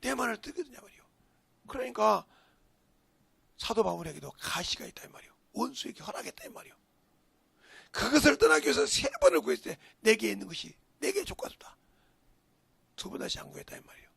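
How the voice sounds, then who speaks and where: A male pastor preaching a sermon, who swings between hushed whispers and loud shouting and keeps asking rhetorical questions, with a gravelly, husky voice. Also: extremely high pitch, big pitch swings, a little fast, pauses often, dry recording.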